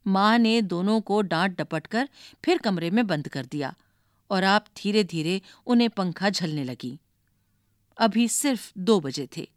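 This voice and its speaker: A woman reading a children's story aloud, narrating in a measured way and announcing page numbers. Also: mid-range voice, animated, dry recording, studio quality.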